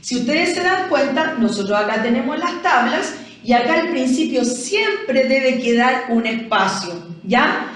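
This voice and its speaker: A Chilean woman teaching a primary school language lesson, explaining patiently and checking in with frequent rhetorical questions. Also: sits high. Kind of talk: recorded classroom lesson explanation. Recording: very echoey room, voice from far off.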